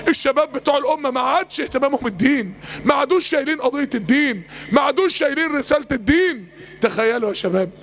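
A man's voice: very high voice, a bit bright. A man with an Egyptian accent preaching an impassioned sermon in a chanting cadence. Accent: Egyptian Arabic.

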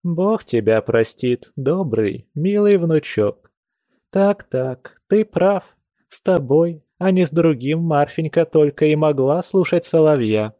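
A man's voice: unhurried, mellow, no echo, clean studio sound, natural voice. A man reading an audiobook, voicing a stern, fussing old grandmother who scolds. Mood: tender. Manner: scolding, raised higher voice.

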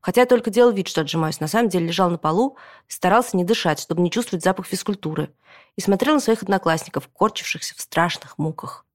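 A woman narrating a children's book in the first person as a boy, with lively storytelling. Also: lowish voice, fast. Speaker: audiobook narrator.

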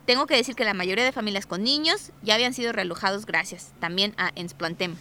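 A woman with a medium-pitched, bright, forceful voice speaks fast while describing her experience as an artist resident in a squat that was evicted. It is conversational, first-hand storytelling, with a little hiss or hum in the audio.

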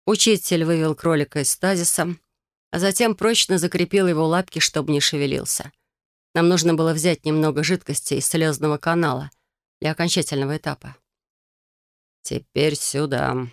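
An audiobook narrator reading a first-person story in an even, measured way, close to the mic. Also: medium pitch, no echo.

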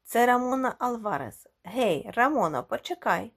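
A woman's voice: on the high side, lively intonation, moderate pace, fairly bright tone. A woman voicing a cocky, self-assured young man in a fine suit.

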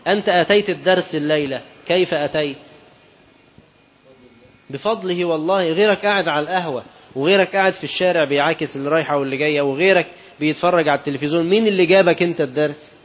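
A man's voice: fairly high pitch, highs cut off. A man with an Egyptian Arabic accent giving an Islamic sermon, moving between classical quotations and colloquial asides and putting questions to his listeners. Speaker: preacher.

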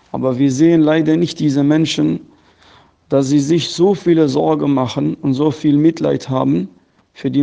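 Man preacher, recorded voice message, gravelly, mellow, urgent and earnest. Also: fairly high pitch, highs cut off. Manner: earnest, urgent exhortation to the faithful. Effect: leaving a recorded voice message. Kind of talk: spoken voice message sermon.

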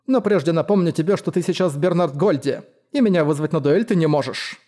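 Male reader as a steely woman steward, icy and stern, warm mellow tone. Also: on the high side, fast, natural voice. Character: cold commanding woman, steward of her estate.

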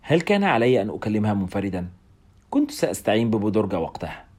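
A man reading a novel aloud, with wry, expressive first-person narration. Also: on the low side, quick pace, husky.

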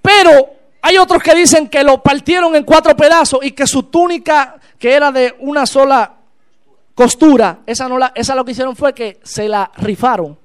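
A man preaching a sermon in church, impassioned and building to shouted exclamations. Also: extremely high pitch, normal speed.

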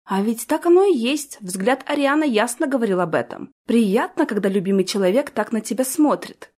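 A woman narrating a fantasy audiobook in a steady storytelling manner. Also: on the high side, normal speed.

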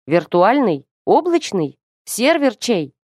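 Woman reading a gruff suspicious old man. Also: a little high, big pitch swings, slow, no echo, studio quality, voice pushed up, heavily acted. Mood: interrogating. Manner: sharp, curt, interrogating.

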